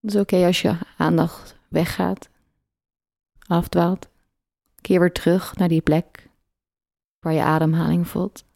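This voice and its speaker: A woman leading a guided meditation, speaking slowly and soothingly with long pauses between phrases. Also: on the low side, little pitch movement, gravelly, mellow, dry recording, studio quality.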